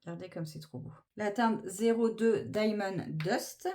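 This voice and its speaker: A woman's voice: mid-range voice, measured pace, a little mellow. Chatty woman doing makeup. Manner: chatty and enthusiastic, gushing over products. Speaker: beauty vlogger. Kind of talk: casual makeup tutorial chat.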